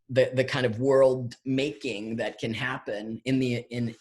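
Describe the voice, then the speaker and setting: A man, a guest artist, answering audience questions in a halting, rambling way full of fillers and restarts, heard over a video call. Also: mid-range voice. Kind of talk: casual conversation, answering questions.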